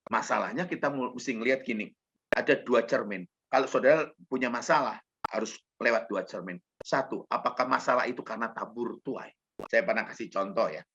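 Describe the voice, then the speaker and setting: Husky-voiced male preacher, muffled recording. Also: brisk. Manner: swings from low, quiet storytelling to loud, emphatic preaching; addresses the congregation directly as brothers and sisters. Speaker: pastor. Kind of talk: sermon. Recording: dull, lo-fi sermon recording.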